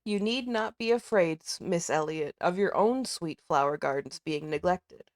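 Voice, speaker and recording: A woman reading a storybook part as an agreeable gentlewoman, polite and ingratiating. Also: fairly low pitch, animated, normal speed, close to an everyday voice. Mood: flattering.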